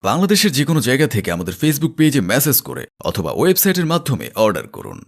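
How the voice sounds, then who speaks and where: Animated Bangladeshi man pitching like an infomercial. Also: fast talker, creaky. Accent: Bangladeshi Bengali. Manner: persuasive, promotional. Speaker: advertisement narrator. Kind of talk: infomercial sales pitch, scripted narration.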